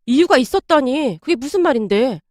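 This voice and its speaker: A woman's voice: high-pitched, animated, brisk, no room sound, clean studio sound. A woman voicing an upset young daughter in a storybook drama, pressing with startled questions. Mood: startled questioning.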